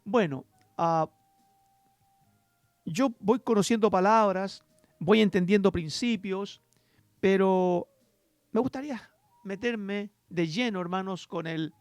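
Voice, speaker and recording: A man's voice: sits high, takes it slowly, long pauses, no room sound. A man pastor giving a rambling, self-deprecating Bible teaching, often calling out to his listeners as brothers. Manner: rambling, self-deprecating, with frequent "hermanos" asides. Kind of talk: radio-style Bible teaching.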